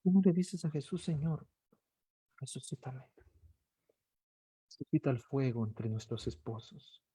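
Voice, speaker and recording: Man, Guatemalan accent, pastor, impassioned sermon, husky, close dry sound. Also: mid-range voice, lively intonation, measured pace, dry recording. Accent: Guatemalan Spanish. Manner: impassioned preaching, swinging from soft pleas to loud cries. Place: church service streamed online.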